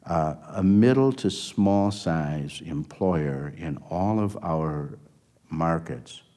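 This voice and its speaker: Deep-voiced older man telling stories. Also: dark tone. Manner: rambling anecdotal telling with frequent restarts and "and so on". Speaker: interviewee. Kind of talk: oral history interview storytelling. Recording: long hall reverb.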